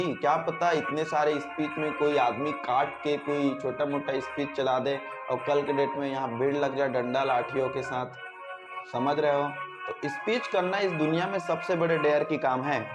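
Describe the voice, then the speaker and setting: A man teaches spoken English in a loose, chatty way and keeps checking whether his listeners follow. His voice sits high. The room echoes, and music plays behind him. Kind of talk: informal video lesson.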